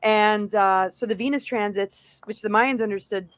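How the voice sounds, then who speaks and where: A woman's voice: medium pitch, fairly even intonation, normal speed, no room sound. A woman with a mid-range voice explains things in a roundtable discussion. The sound is close and dry, with little room on it. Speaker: roundtable panelist.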